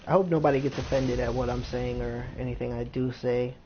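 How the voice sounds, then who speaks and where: A man's voice: mid-range voice, steady tone, brisk, warm tone. A man chatting casually over gameplay as a streamer, with slightly slurred articulation from an overbite, in slangy, repetitive phrasing. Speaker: video game streamer. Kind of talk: casual gameplay commentary, rambling chat. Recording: noisy, dull home stream audio.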